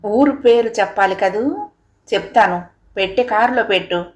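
Woman reading composed older woman, calm, a little amused, storybook audio. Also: mid-range voice, moderate pace, close to an everyday voice.

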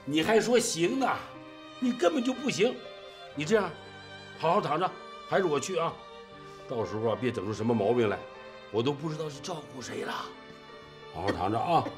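A man's voice: a little high, animated, fairly quick, long pauses, over music, close to an everyday voice. An older actor playing a kindly old man who coaxes and fusses over a sick young woman in a TV drama. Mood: coaxing. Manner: coaxing, fussing, repeats himself. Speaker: elderly caretaker. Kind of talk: TV drama acting.

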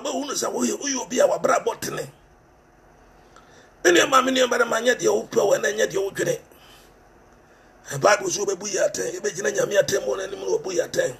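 A middle-aged man with a Ghanaian accent preaches a passionate sermon, repeating phrases for emphasis and switching between English and Twi. His high voice is creaky and a bit bright. He is recorded on a headset mic in a small room.

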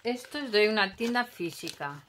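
A woman's voice: medium pitch, animated, moderate pace, a bit bright, a little hiss or hum. A middle-aged woman from Spain, with a Basque Country Spanish accent, chatting casually through a craft haul, thinking aloud and humming filler sounds while she unpacks at a table at home.

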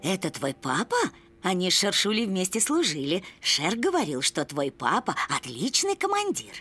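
A woman's voice: on the low side, very animated, moderate pace, fairly bright tone, husky, soft background music, exaggerated voice. A woman playing a kindly, sensible old grandmother bee in a children's cartoon.

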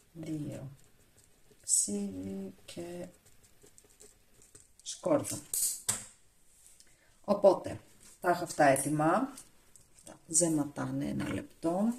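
A woman's voice: fairly low pitch, vocal fry, darkish tone. A woman with a Greek accent chatting casually to viewers as she walks through her cooking steps in a home kitchen, recorded from a camera on the counter. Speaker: cooking vlogger. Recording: echoey kitchen.

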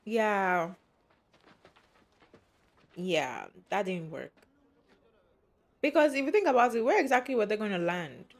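A woman's voice: medium pitch, very animated, a little slow, pauses often. A woman hosting a movie reaction, talking back at the screen in an emotional, exclamatory way.

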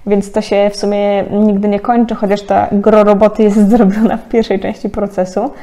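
A woman in her thirties talks through a card reading in a relaxed, chatty way, often breaking into laughter. Her voice is mellow and dark. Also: medium pitch, moderate pace. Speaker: tarot card reader. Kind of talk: casual spiritual card-reading talk.

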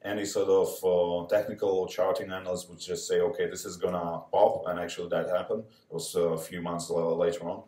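A man speaking as a panelist, halting and full of fillers. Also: low voice, level tone, mellow. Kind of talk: live panel talk. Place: coworking space event room. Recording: echoey room from far off.

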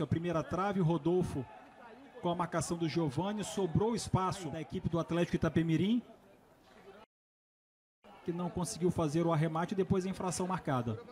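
A Brazilian man calling a football match live as a play-by-play commentator, stretching out words on the big moments. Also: fairly high pitch. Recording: noisy stadium broadcast, background hiss. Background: stadium ambience and crowd noise.

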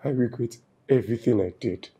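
An actor playing a remorseful young man, softly pleading with his partner to forgive him. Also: medium pitch, a little fast, close to an everyday voice. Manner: pleading, soft and broken.

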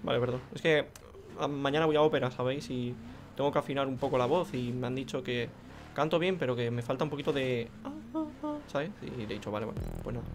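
A young man with a Spain Spanish accent giving excitable, joking commentary over a racing game, full of exclamations. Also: mid-range voice, quick pace, slight background noise. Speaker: gaming video creator. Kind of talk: casual gameplay commentary.

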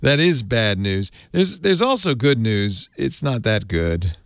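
A man's voice: mid-range voice, sing-song, unhurried, a bit bright, no room sound, clean studio sound. A man hosting a casual tech tutorial, chatty and easygoing, chuckling as he explains. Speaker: host.

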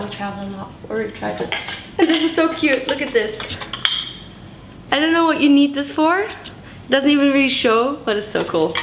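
Walking around with a handheld camera, a young woman with a slightly high voice gives a casual, rambling tour of her large tiled bedroom and bathroom. As a bubbly vlogger, she keeps saying "like" and "so cool", and the recording is echoey with background noise.

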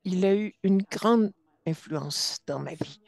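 A woman giving simultaneous interpretation for a webinar, halting and often restarting or correcting herself mid-phrase. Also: mid-range voice, vocal fry, a little mellow, no echo.

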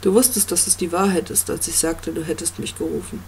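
A reader voicing an ancient, commanding yew-tree monster in an audiobook, with a slow, stately delivery. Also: medium pitch, steady tone, vocal fry, slight background noise, close to an everyday voice. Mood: calm, knowing. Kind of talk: audiobook reading.

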